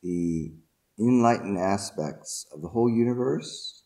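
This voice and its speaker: Male meditation guide, lowish pitch, very slow ceremonial delivery with short, deliberate phrases. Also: animated, dark tone.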